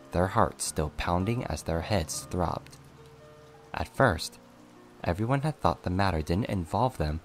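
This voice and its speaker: A man narrating a story in a calm, soft ASMR reading. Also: low voice. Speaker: audiobook reader.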